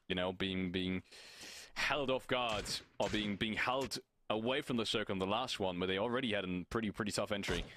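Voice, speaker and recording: A man's voice: fairly low pitch, a bit bright. A man giving live esports color commentary, analytical, often restarting and repeating words as he thinks. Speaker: esports caster.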